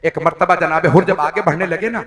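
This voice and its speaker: A man, a cleric delivering a mourning sermon as dramatic storytelling. He speaks slowly and passionately and rises into wailing cries. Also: fairly high pitch, distant mic, a crowd in the background. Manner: slow, impassioned, swelling into wailing cries. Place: large indoor prayer hall.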